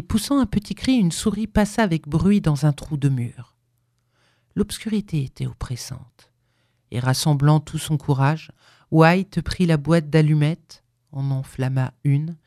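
A woman reading a horror story aloud in a hushed, suspenseful way. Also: low voice, no echo. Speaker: narrator.

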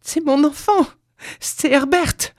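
A woman voicing a frantic, grieving old mother who shrieks and pleads in a high, strained voice. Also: slow, darkish tone.

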